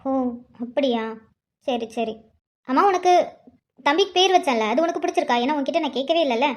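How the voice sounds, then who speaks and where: A woman voicing a young wife and new mother in a cartoon, quick to anger and scolding her husband. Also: high voice, lightly acted. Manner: snappy, scolding. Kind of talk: cartoon voice acting.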